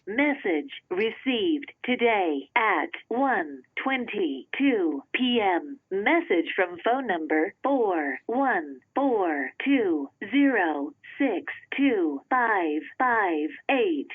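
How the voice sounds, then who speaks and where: A woman giving measured, instructional voicemail system prompts, heard over a landline phone line. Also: medium pitch, very animated, husky. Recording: tinny telephone line.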